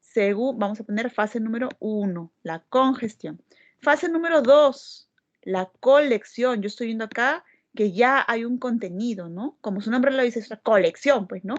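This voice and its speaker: A woman's voice: a little high, expressive, normal speed. A woman doctor teaching a class, explaining step by step and checking in with frequent tag questions. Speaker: medical lecturer. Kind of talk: classroom lecture. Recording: dull lo-fi recording.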